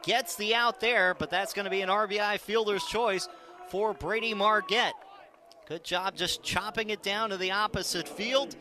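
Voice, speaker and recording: A man's voice: high-pitched, fairly even intonation, normal speed, crowd noise. A man calling a live baseball game on the radio as play-by-play announcer, in clipped, descriptive phrases. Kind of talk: live radio sports commentary.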